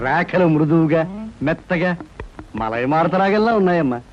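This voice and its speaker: A man playing a flattering, smooth-talking fake palm reader in a film comedy scene. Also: a little high, measured pace, slight background noise. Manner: fawning, honeyed and flattering. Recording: dull film audio with background music.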